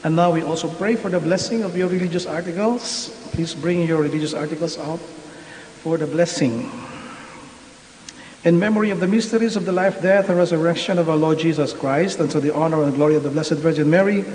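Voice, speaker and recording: A man, a priest intoning prayers in a measured way at an online Mass, his voice carrying a cathedral echo. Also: a little high, darkish tone. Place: large church. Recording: echoey hall with faint hiss.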